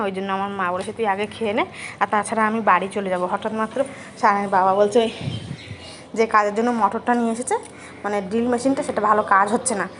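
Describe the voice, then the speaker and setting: A young woman narrating a casual family vlog in a chatty way, talking softly to her young son at times. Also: medium pitch, slight background noise. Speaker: family vlogger.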